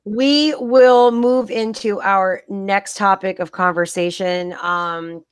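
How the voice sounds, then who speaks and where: A woman's voice: medium pitch, fairly even intonation, takes it slowly, clear, resonant tone, dry recording. A woman co-hosting a casual podcast chat, easygoing and steering the topics. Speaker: podcast co-host.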